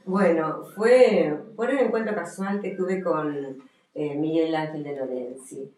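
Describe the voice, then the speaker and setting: An Argentine author and historian presents her book as a guest, reading aloud and recounting her work to listeners slowly in a low, darkish voice. The room is echoey, with faint music.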